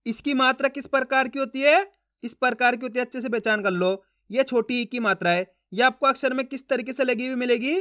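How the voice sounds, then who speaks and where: High, bright-voiced male Hindi teacher. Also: no room sound, studio quality. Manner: slow, drawn-out syllable-by-syllable pronunciation drills; addresses viewers as friends, asks if it's clear. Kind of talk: online reading lesson.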